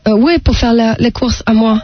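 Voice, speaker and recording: Prank-call bit: a man playing a hesitant foreign woman, high and husky, broken speech. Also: lively intonation, fairly quick, dry recording, full character voice. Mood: halting. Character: young foreign woman, halting and greedy. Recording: muffled lo-fi radio broadcast.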